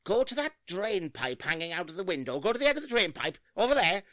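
An actor playing a mocking grown prankster brother, speaking through a mail slot to children in a sugary tone. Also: male voice, high-pitched, sing-song, quick pace, a bit bright, no echo, clean studio sound.

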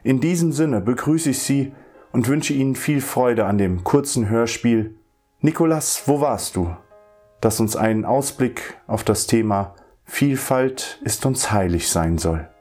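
A man giving a formal spoken address to introduce a short radio play, measured and solemn in manner. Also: mid-range voice, darkish tone, soft background music.

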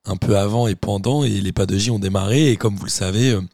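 A man hosting a casual interview podcast, chatty and relaxed, asking many questions. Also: lowish voice, quick pace, no echo, clean studio sound. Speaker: podcast host.

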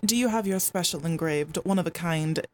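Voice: mid-range voice, moderate pace, slight background noise, natural voice. A performer voicing a pompous, ingratiating doorman at a grand mansion, speaking in over-formal, flowery phrases. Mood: grandiose.

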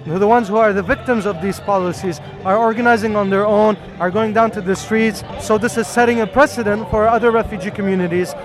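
Brief: earnest high-voiced organizer outdoors, faint music behind. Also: male voice, fairly even intonation, brisk, few pauses, crowd noise. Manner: earnest, fluent. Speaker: protest organizer. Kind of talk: street interview. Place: outdoors at a street march.

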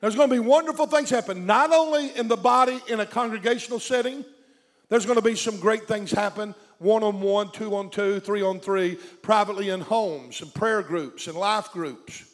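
A man with a Southern US accent preaches in emphatic, punchy phrases. His pitch is on the high side, and the long reverb of a large hall trails his words. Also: normal speed. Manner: emphatic, short repeated phrases. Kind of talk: sermon.

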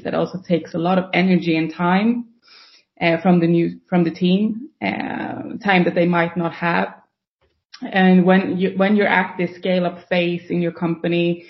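Woman recruiter, thoughtful, some vocal fry, muffled lo-fi recording. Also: lowish voice. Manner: thoughtful, steady explaining with fillers. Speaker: guest, tech recruiter. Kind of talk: casual podcast discussion. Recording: dull lo-fi sound.

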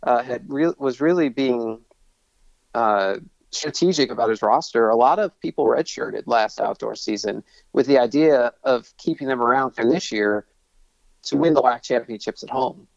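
A man's voice: medium pitch, normal speed, vocal fry, dry recording, highs cut off. A man in his thirties from Long Island, a sports broadcaster, talking enthusiastically with many restarts and fillers. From Long Island, New York. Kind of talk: casual interview talk.

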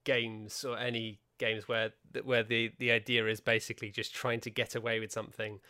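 A man's voice: medium pitch, little pitch movement, brisk, sharp tone. A man from England co-hosting a podcast, telling anecdotes in a wry, self-deprecating way. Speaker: podcast co-host. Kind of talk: casual chat.

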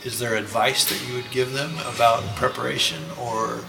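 A man's voice: medium pitch, steady tone, moderate pace, vocal fry, rough recording. A man with a conversational style, putting questions to a guest as the interviewer. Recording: music under the voice. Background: music.

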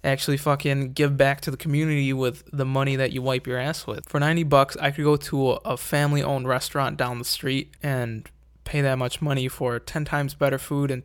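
Young guy ranting casually, swears a lot, rambles and gripes, mid pitch. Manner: profane, rambling, wry complaining. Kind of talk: casual rant.

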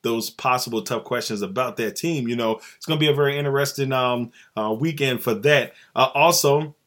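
Bright-voiced joking sports podcast host. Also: male voice, mid-range voice, fairly quick. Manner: laid-back, joking, chatty with cohost. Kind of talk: casual sports podcast chat.

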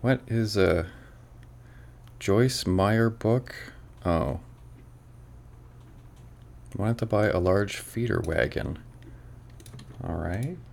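A man's voice: lowish voice, very slow, pauses often, darkish tone. A man streaming live, chatting casually to viewers and grumbling and swearing when his calls go unanswered. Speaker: streamer making phone calls. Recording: clear music playing behind the voice. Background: music playing.

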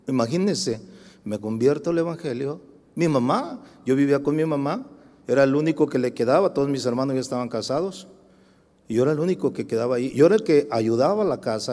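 A Mexican man preaching a sermon, telling personal testimony and calling out to the congregation with rhetorical questions, moving between loud, drawn-out emphasis and quiet storytelling. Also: mid-range voice. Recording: long hall reverb.

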